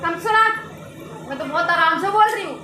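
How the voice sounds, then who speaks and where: A woman's voice: very high voice, lively intonation, brisk. A woman vlogging in a casual comedic way, teasing and often laughing as she talks, outdoors. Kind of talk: casual comedy vlog narration. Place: outdoors, dusty and sunny. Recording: noisy background.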